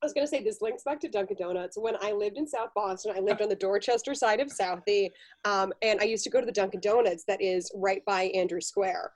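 A woman's voice: medium pitch, fairly quick. A woman chatting animatedly as a podcast guest, laughing often and slipping into playful voices. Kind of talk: casual podcast chat.

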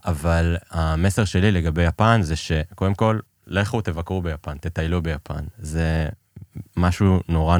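Man, Israeli Hebrew accent, deep voice, very dry sound, conversational storytelling, searching delivery, English terms mixed in. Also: a little mellow, dry recording. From Iran, immigrated to Israel. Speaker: podcast guest, business executive.

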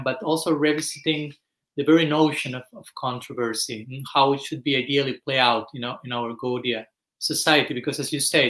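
A man's voice: mid-range voice, a bit bright. Thoughtful Argentine man in his forties. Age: 40s. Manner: thoughtful, explanatory, searching for words. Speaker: guest monk. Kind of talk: reflective podcast interview. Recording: echoey room.

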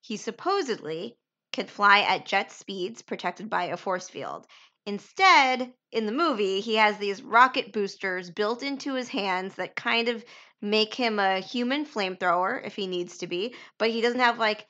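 A woman with a bright, sharp voice co-hosts a podcast in an easygoing, enthusiastic way. Her talk is relaxed chat. The sound is muffled and lo-fi. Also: mid-range voice, measured pace. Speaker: podcast co-host. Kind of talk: casual chat. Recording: dull lo-fi sound.

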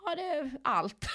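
Lively, laughing woman comedian telling stories. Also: high voice, noisy background. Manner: animated storyteller, swears freely, laughs often. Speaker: comedian and podcast co-host. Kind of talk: casual chat.

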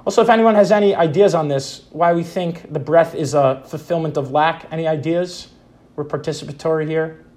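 A man leading an informal spiritual study group, speaking in a reflective, unhurried way and reciting Hebrew quotations. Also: a little high, darkish tone.

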